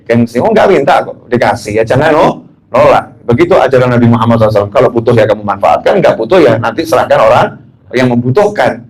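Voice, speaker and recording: An Indonesian male preacher gives a religious talk in a mid-pitched voice. He tells anecdotes, makes jokes and throws questions out to his audience. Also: rough recording. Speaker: habib preacher.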